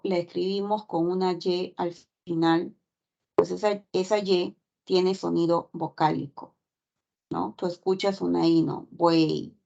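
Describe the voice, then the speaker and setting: Woman teacher lecturing, slow and patient, dull lo-fi sound, keeps asking "right?". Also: lowish voice, creaky, a little mellow. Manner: explains step by step, checks with constant "¿no?". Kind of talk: online class lecture. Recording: dull lo-fi recording.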